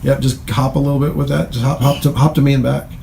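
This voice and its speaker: A middle-aged male jiu-jitsu instructor with a mid-range voice, giving encouraging orders and counting reps aloud. He coaches in an indoor gym, with clear background noise heard behind him. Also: medium pitch, level tone, fast. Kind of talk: coaching through exercises.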